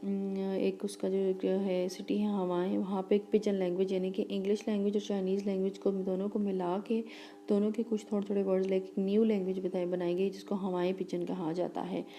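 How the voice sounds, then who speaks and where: A woman teacher giving a lecture, reading English lines slowly and explaining them quickly in between, with fillers and restarts. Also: medium pitch, warm tone, a little hiss or hum.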